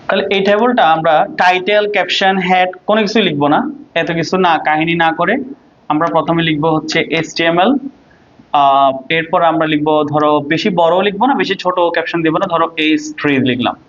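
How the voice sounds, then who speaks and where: High-voiced Bangladeshi teacher quizzing himself. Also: male voice, fast, fairly bright tone, dull audio. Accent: Bangladeshi Bengali. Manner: asks questions and answers them himself, repeats "ঠিক আছে?". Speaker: ICT teacher. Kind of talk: online lecture to students.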